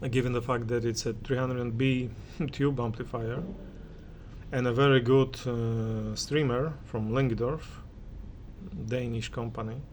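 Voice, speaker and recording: Giving an off-the-cuff review of audio gear, this man speaks hesitantly and frequently gropes for the right word. His voice is mid-range, a little mellow, fairly even in intonation and measured, with slight hiss or hum in the background.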